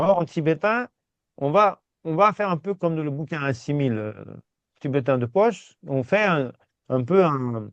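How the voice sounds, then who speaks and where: A man teaching a language class, reassuring his students and repeating words slowly. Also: fairly high pitch, dry recording. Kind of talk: patient step-by-step class. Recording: dull, dry sound.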